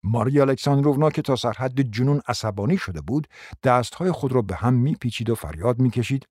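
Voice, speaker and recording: A man reads the narration of a radio play in an even, storytelling way. His tone is warm and mellow at a middle pitch. The studio sound is dry and close. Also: husky, dry recording. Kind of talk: scripted narration.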